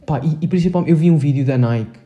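A man's voice: on the high side, fast, muffled recording. A teenage boy with a Portugal Portuguese accent, hosting a solo podcast in a rambling, hesitant way, full of filler words and slang. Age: teens. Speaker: podcast host. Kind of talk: casual solo podcast monologue.

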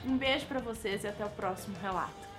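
A woman's voice: medium pitch, quick pace, loud music behind the voice. A woman with a Brazilian Portuguese accent, hosting a channel and telling a viewer's paranormal story in a chatty, casual way, musing aloud with rhetorical questions.

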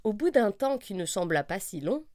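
A woman narrating a children's story, expressive and lively. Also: medium pitch, moderate pace, dry recording, clean studio sound. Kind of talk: storybook reading.

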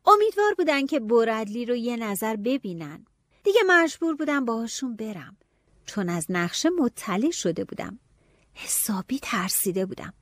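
A woman narrating a novel in the first person, telling it in a lively, expressive way. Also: on the high side, no echo, clean studio sound. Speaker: audiobook narrator.

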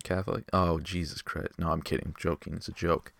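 Deep gravelly young podcast guy. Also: fairly quick, dry recording. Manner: excitable, joking, swears freely. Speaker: podcast host. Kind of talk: casual argumentative chat.

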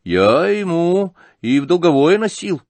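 A man's voice: a little high, sing-song, measured pace, a little mellow, no room sound, pitched above the performer's own voice. A man voicing an earnest teenage boy coaxing his mother in an eager, pleading way.

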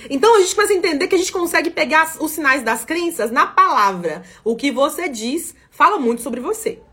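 A woman's voice: sits high, animated, fairly quick, fairly bright tone. A woman mentor hosting a live motivational talk, acting out listeners' complaints in quotes. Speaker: mentor and podcast host.

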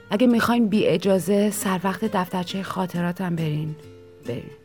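A woman reading a short personal story aloud in a soft, tender, reflective way, sometimes sinking into a whisper. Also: lowish voice, gravelly. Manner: soft, intimate, drops into whispers. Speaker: story reader. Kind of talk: scripted storytelling narration.

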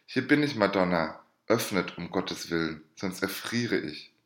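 A man's voice: low-pitched, animated, a little slow, fairly bright tone, reverberant. A man reading aloud and voicing a freezing, desperate young student who begs urgently to be let in. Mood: pleading. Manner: urgent imploring.

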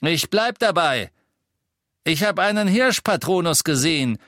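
Menacing male dark wizard henchman, stubborn, blunt, put on by a male narrator. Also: on the high side, animated, a little slow, no echo, clean studio sound, pitched above the performer's own voice. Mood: threatening. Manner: blunt, threatening.

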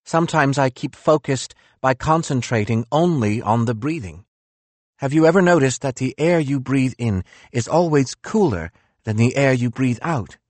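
A man's voice: mid-range voice, lively intonation, normal speed, darkish tone, no room sound, voice pushed up, natural voice. A man voicing a proud male philosopher weakened by a migraine, intense and accusing in a weak voice. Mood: weak, calming. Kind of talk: audiobook character voice.

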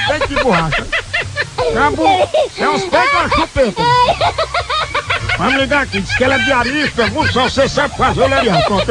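A radio prank caller and host, teasing and insistently repeating himself on the phone. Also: male voice, very high voice, poor audio. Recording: hissy radio broadcast.

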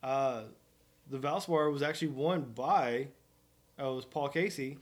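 A man's voice: medium pitch, unhurried. A man from Oklahoma co-hosting a casual golf podcast, rambling and joking at his own expense. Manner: joking, rambling, self-mocking. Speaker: podcast co-host. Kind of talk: casual sports chat.

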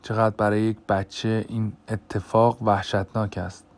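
Man, audiobook narrator, low voice, grave and measured reading. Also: flat delivery.

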